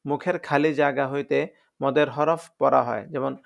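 A man teaching Quran pronunciation step by step. He explains patiently and drills each letter sound slowly, repeating it several times. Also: mid-range voice, fairly even intonation, vocal fry. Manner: patient, explanatory, addresses viewers as friends.

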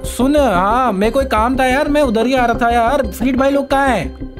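A man streaming a game, trading teasing, excitable banter with another player. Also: very high voice, normal speed. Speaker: gaming streamer. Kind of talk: casual Minecraft role-play banter. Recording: game music behind voice.

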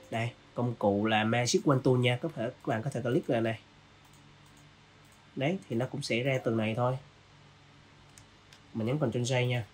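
A man hosting a design software tutorial, casually walking through each step with lots of fillers. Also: mid-range voice, slight background noise. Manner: casual, walks through steps with many fillers. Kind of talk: screen-recorded software tutorial.

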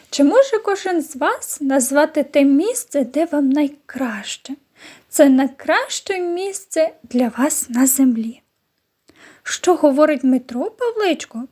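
A woman from Ukraine teaching a recorded online lesson to young pupils. Her voice sits high and light, and she gives each instruction slowly and clearly. She keeps turning to the children with questions. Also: lively intonation, darkish tone. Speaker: primary school teacher.

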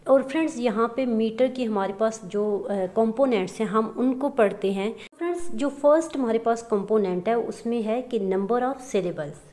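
Female tutor, slightly high voice, patient lesson delivery with frequent check-ins. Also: moderate pace, dark tone. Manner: addresses listeners as friends, many fillers and "theek hai" checks. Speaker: teacher. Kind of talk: explaining a lesson.

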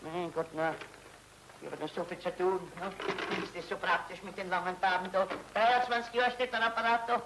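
A man's voice: sits high, fairly even intonation, normal speed, noisy background. An actor playing a fretful man who rambles and stammers, in 1930s film comedy style. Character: fussy flustered Austrian man, anxious about travel.

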